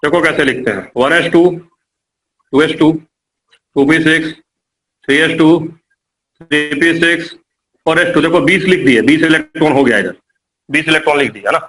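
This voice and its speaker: Male teacher, high voice, live classroom lecture, repeats and quizzes students. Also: moderate pace, long pauses, bright, forceful tone, poor audio. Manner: repetitive, coaxing, quizzes students. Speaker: chemistry teacher.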